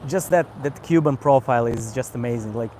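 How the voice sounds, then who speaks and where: A man with a Croatian accent hosting a casual live stream outdoors, relaxed and unhurried, often repeating words as he thinks. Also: mid-range voice, a little hiss or hum. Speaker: cigar channel host. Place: outdoors on a vacation island by the sea.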